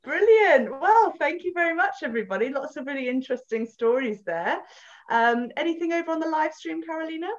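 A woman's voice: high voice, expressive. A woman hosting an online cooking class, upbeat and encouraging as she steers the call and hands over to the guest cook. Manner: upbeat, encouraging, quick asides. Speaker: host of an online cookalong. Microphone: laptop video call. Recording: dull, muffled video call audio.

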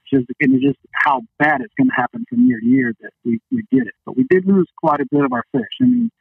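Speaking with an extremely high, gravelly and husky voice and no echo, a man appears by phone as a guest fishing captain. The casual storytelling interview is folksy and packed with "you know," heard through a dull, band-limited line.

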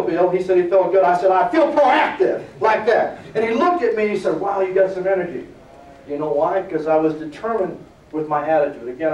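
Energetic middle-aged man in an echoey room. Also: on the high side, lo-fi sound, slight background noise. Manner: energetic, checks in with the audience often. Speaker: motivational fitness speaker. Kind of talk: motivational seminar talk. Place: seminar room before a live audience. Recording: echoey room, distant mic.

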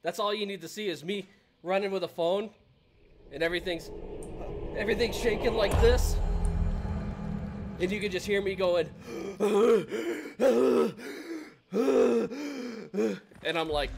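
A man's voice: high-pitched, steady tone, normal speed, pauses often, soft background music. A man live-streaming a video game, chatting casually with viewers in a rambling way and laughing often. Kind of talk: casual gameplay commentary.

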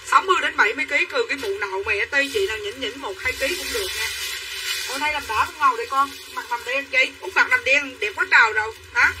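A woman with a high voice talks fast as she hawks dresses to livestream viewers, chatting and calling them "sisters." This clothing seller was recorded from a distance, and faint room noise is present.

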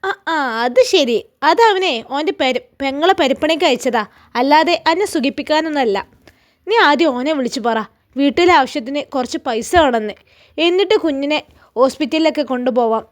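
A woman voicing a stingy, sharp-tongued older mother-in-law, speaking in a Malappuram accent with a mocking, scolding manner. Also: sits high, normal speed, natural voice. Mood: scornful. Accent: Malappuram Malayalam.

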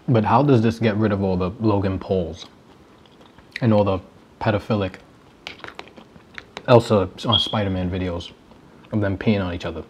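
Young male vlogger, lowish voice, wry casual commentary while eating cereal. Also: moderate pace, pauses often, a little hiss or hum. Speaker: YouTuber.

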